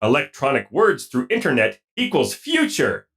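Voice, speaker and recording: A man voicing a stilted male AI robot announcer in a clipped, monotone robot voice. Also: mid-range voice, normal speed, vocal fry, full character voice. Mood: stilted robotic. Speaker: podcast player.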